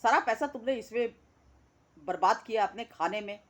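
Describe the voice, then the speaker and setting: A woman's voice: on the high side, moderate pace. A woman giving an indignant, scolding reaction commentary, repeating words for emphasis. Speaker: reaction vlogger.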